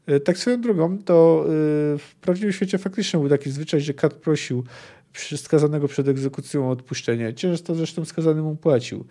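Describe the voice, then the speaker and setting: A man's voice: a little high, warm tone. Hesitant man discussing a book. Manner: hesitant, digressive, with many filler sounds. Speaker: podcast host.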